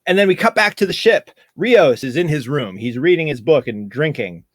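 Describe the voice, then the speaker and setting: Slightly high-voiced man recapping a show. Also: animated, normal speed, dry recording. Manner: recaps scenes, dry joking asides. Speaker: podcast co-host recapping episodes. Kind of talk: casual chat.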